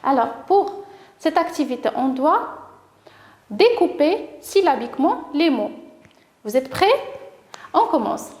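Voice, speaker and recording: A woman with a Moroccan accent teaching a lesson to young children, speaking slowly and clearly, encouraging them and sounding out each syllable. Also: high voice, very animated, darkish tone, echoey room. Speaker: primary school teacher.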